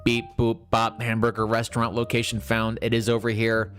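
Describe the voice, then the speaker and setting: A man voicing a male robot car that speaks in a flat, robotic, beeping way, telling an amateur story over faint music. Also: on the low side, normal speed, close to an everyday voice. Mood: announcing.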